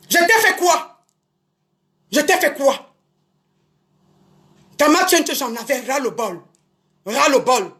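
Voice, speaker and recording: A woman's voice: extremely high pitch, bright, forceful tone. A woman promoter speaking on a Facebook live, indignantly repeating herself and addressing her critics directly. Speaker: show business promoter.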